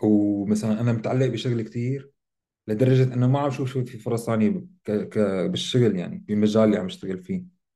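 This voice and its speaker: A man's voice: fairly low pitch, fairly even intonation, fast talker, warm tone. A man with a Levantine Arabic accent explains ideas in casual discussion as a co-host, often checking in with short tag questions.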